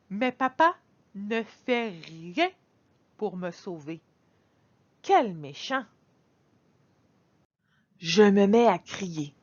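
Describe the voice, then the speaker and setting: A woman reading a children's picture book aloud in an expressive, dramatic storytelling manner. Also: medium pitch, highs cut off. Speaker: storybook reader.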